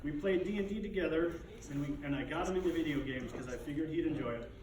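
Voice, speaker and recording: A man with a slightly high voice reads a prepared eulogy for his father. His grief is dignified and held in, lightened by wry, fond humor. He sounds distant from the microphone, in a very echoey room. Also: fast, noisy background. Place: echoey room, speaking to a gathering.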